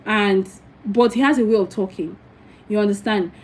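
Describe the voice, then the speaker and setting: A woman's voice: mid-range voice, normal speed, a little mellow, poor audio. A Nigerian woman giving frank, preachy spiritual advice in a casual livestream, with many asides to her viewers. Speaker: spiritual teacher.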